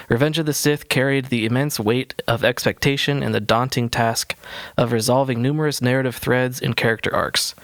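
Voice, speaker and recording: A man's voice: medium pitch, clear, resonant tone, no room sound. A man in his thirties hosting a casual podcast, reading a written intro aloud and tripping over long words. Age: 30s. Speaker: podcast host.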